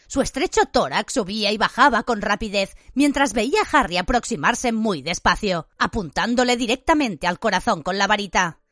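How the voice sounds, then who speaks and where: A woman narrating an audiobook in an expressive, vivid reading style. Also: mid-range voice, moderate pace, hardly any pauses, no echo, studio quality.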